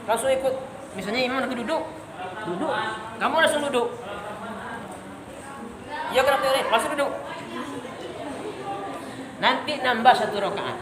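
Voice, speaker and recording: A woman's voice: fairly high pitch, animated, moderate pace, pauses often. A woman teaching a religious lesson at a boarding school, explaining by demonstration and often quizzing her students. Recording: crowd noise behind the voice.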